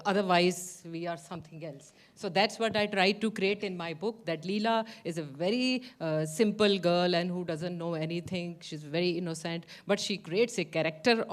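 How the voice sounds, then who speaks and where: Woman author on a panel, North Indian accent with a Punjabi tinge, fairly low voice. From Chandigarh, India. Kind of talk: live panel conversation.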